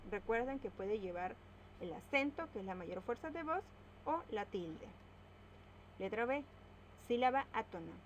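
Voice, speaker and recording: A woman teaching a grammar lesson, slowly spelling out words and stressing each syllable. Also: medium pitch, slight background noise, poor audio.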